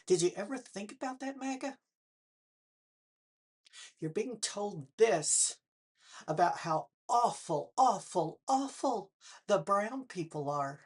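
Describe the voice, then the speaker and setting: Slow, husky older woman questioning her viewers. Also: mid-range voice, expressive. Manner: pointed rhetorical questions addressed to the viewer; sarcastic. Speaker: political vlogger. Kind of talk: direct-to-camera commentary.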